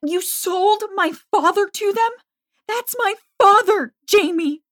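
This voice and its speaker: A raw, high, heartbroken young woman, as a woman narrator plays her, pleading with a friend who betrayed her. Her voice climbs and strains to loud anguished cries in a dry, close storybook reading. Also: a little slow, husky, dry recording. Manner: pleading, rising to anguished shouts.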